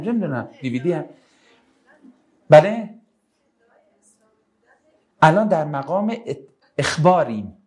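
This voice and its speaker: A man's voice: on the high side, a little mellow. A man giving a religious lecture to an audience. He talks animatedly, fires off rhetorical questions and answers listeners' questions.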